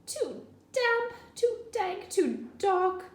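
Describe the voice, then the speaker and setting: A woman voicing a small fussing mouse in a storybook reading, with a high squeaky pipe. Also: sing-song, extremely slow, full character voice. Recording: echoey room.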